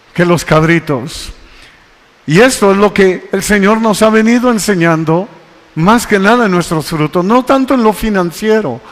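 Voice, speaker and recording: A male pastor preaching a sermon, calling out exhortations and reading scripture slowly with emphasis. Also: high voice. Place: church sanctuary. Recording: long church reverb.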